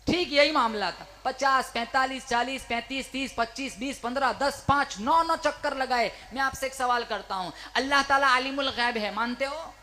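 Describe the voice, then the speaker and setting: A man's voice: extremely high pitch, moderate pace, hardly any pauses, bright, forceful tone. A male preacher giving a fervent sermon, rousing the listeners and calling on them to answer back. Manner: fervent, rousing, calls for crowd responses.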